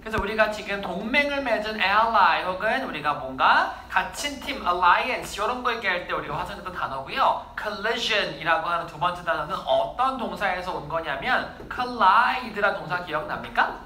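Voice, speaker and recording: Bright-voiced teacher drilling vocabulary. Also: female voice, medium pitch, lively intonation, reverberant, a little hiss or hum. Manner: brisk, drills words for repetition. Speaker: English teacher. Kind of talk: classroom vocabulary lesson. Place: classroom.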